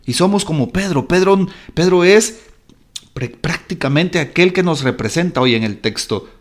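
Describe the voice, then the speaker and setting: Brief: male priest, fairly high voice, fervent repetitive preaching, talks intimately to the listener, loud swells into hushed asides. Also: lively intonation, moderate pace. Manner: addresses the listener directly and intimately. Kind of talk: devotional gospel reflection.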